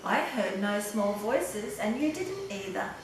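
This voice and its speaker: A woman's voice: mid-range voice, sing-song, a little slow. A woman voicing a big, scornful, bossy storybook kangaroo in a dismissive, snappish manner. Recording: roomy echo, distant mic, faint noise.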